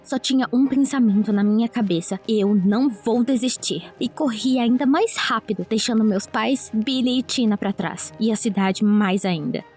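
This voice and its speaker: Female narrator, higher voice, tense dramatic read of an animated story, music bed. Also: normal speed, few pauses. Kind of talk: scripted first-person story narration.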